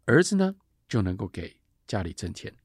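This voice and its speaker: A male lecturer voicing a sharp-tongued old female servant who nags and taunts with rhyming sayings. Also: on the low side, sing-song, moderate pace, slightly rough, no echo, clean studio sound. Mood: needling.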